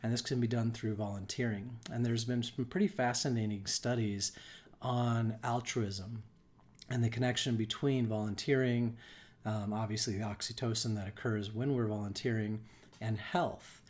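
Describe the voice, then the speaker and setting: A man, a life coach, hosting a live wellbeing talk in an unhurried, reflective way, with frequent ums and restarts. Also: on the low side, fairly even intonation, darkish tone.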